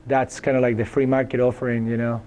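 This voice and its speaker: Here a thirty-something professor from Chile responds to interview questions in English, his Chilean Spanish accent clear. His pitch is medium, his delivery flat and slightly mellow, and he often pauses, stumbles over fillers, and starts sentences again as he thinks.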